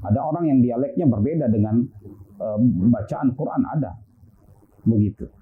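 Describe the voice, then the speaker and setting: A man's voice: medium pitch, normal speed. A man giving a casual, explanatory religious lecture on Quran sciences, full of fillers and rhetorical questions, in an online class. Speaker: Islamic studies teacher. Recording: tinny phone-like line.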